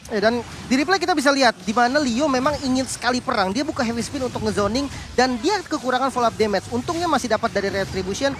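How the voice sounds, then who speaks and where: A man's voice: extremely high pitch, quick pace, hardly any pauses, a bit bright, slight background noise. A man working as an esports caster, giving analytical commentary on a live game match.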